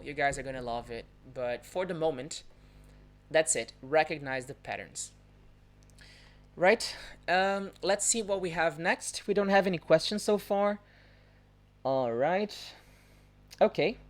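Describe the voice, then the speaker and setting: Teacher who keeps asking "right?". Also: mid-range voice. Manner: keeps checking in with "right?" and demonstrates sounds. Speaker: Portuguese teacher. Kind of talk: live online language lesson. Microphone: phone or laptop mic on a livestream.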